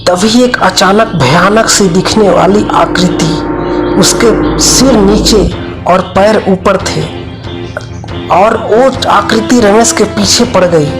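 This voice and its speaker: A man tells a cartoon horror story in a plain storyteller's manner, repeating himself as he goes. He talks slowly in a slightly high voice. Faint music runs underneath. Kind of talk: amateur cartoon horror narration.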